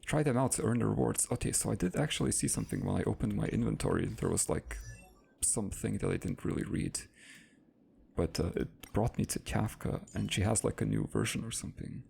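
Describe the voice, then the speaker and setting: A man's voice: fairly low pitch, brisk, vocal fry, darkish tone, slight background noise. A man casually thinking aloud while playing a game and reading its text out as he goes. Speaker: gaming let's-play host.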